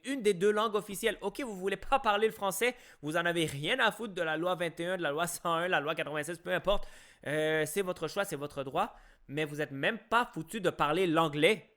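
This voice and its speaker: A man's voice: a little high, fairly bright tone. A man from Quebec with a Québécois French accent, giving an opinionated monologue on a live stream, arguing with rhetorical questions and frequent restarts. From Quebec, Canada.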